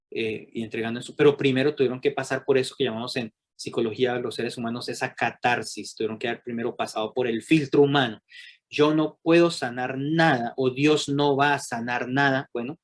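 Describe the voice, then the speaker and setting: Man, psychologist, workshop teaching, animated, rhetorical questions, average pitch. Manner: acts out quoted people with raised voice.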